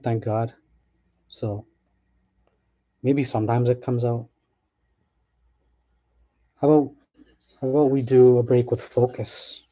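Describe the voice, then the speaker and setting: This man's voice is mellow and medium in pitch, captured in lo-fi sound. He hosts a sports card break, offering chatty, offhand live commentary while opening packs, thinking aloud and often restarting.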